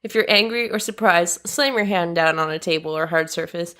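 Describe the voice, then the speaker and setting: A woman's voice: fairly low pitch, fairly quick, fairly bright tone. A woman co-hosting a comedy podcast, reading an article aloud and joking in a wry, self-deprecating way. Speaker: podcast co-host.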